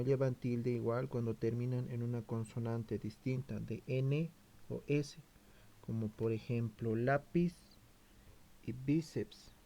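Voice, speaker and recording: A man's voice: mid-range voice, gravelly, dark tone. A man giving a class presentation, reading his points aloud with frequent fillers and self-corrections. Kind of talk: read-aloud school presentation.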